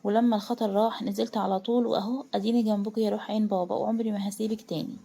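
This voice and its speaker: Gentle, pleading older Egyptian father, quick and mellow, in a woman's reading. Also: medium pitch, little pitch movement, gravelly. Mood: soothing. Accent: Egyptian Arabic. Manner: pleading, soothing, swearing earnestly. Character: remorseful older father, a tender businessman.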